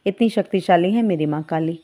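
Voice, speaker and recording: Speaking briskly in a fairly low voice, a woman acts as a spiritual guide in a calm devotional talk. She addresses her followers warmly like a mother, calling them her children.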